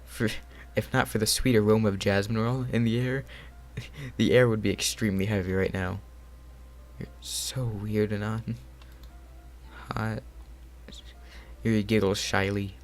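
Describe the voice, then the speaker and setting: Young guy reading a dating game out loud, lowish voice, jokey. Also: flat delivery, a little fast, a little hiss or hum. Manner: joking, laughs often, reads aloud. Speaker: gamer reading a visual novel aloud. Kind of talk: casual game playthrough narration.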